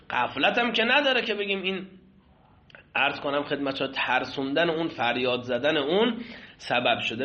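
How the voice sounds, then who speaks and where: A man's voice: fairly high pitch, bright, forceful tone. A man teaching a seminary class on Islamic law, explaining a classical text and putting questions to his students. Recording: echoey room, dull lo-fi sound.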